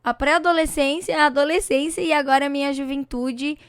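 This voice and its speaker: A high, bright voice from a Brazilian woman in her twenties, talking on a podcast. She tells stories with a preacher's animated emphasis, close and dry with no room sound. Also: brisk, no echo. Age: 20s. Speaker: podcast guest, singer and missionary. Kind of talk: casual podcast chat.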